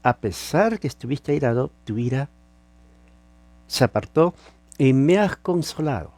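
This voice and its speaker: Man, preacher, sermon, mellow warm tone, dry close sound, emphatic, rhetorical questions. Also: mid-range voice, expressive, a little slow, dry recording. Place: lives in California.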